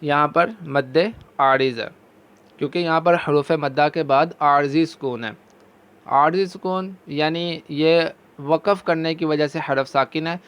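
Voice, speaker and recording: A man with a Pakistani Urdu accent teaches a Quran recitation lesson, chanting verses slowly and drawn out between brisk explanations. His voice is on the high side, steady, smooth and slightly bright.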